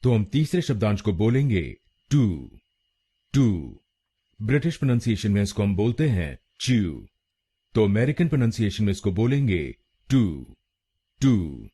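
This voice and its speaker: Man, Indian accent, pronunciation teacher, syllable-by-syllable drilling, husky, low voice. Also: sing-song, warm tone. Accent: Indian English. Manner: slow, deliberate syllable-by-syllable drilling. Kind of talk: scripted pronunciation lesson.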